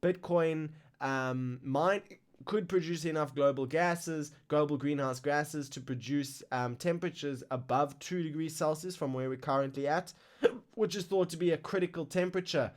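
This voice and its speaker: Guy hosting a crypto livestream, kinda high voice, hiccuping, gets all worked up over the numbers. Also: moderate pace. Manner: excitable, exclaims over numbers. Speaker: crypto news live stream host. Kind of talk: casual live-stream news roundup.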